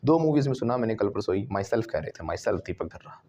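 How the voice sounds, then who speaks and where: A man with an Indian accent teaching a spoken English class, animated, drilling his students with call-and-response repetition. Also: on the low side, a little fast, muffled recording, slight background noise. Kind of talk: classroom lesson.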